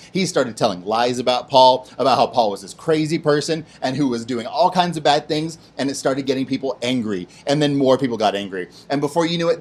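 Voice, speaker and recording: A man teaching children a Bible lesson in a loose, playful way. His pitch moves all over the place as he acts out the people in his story, and he keeps the language casual. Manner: animated, plays voices in his stories, casual slang. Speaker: children's ministry host.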